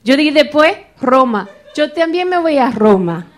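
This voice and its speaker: Animated high-voiced woman telling a story. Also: measured pace, a little hiss or hum. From Florida, United States. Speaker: church member sharing a testimony.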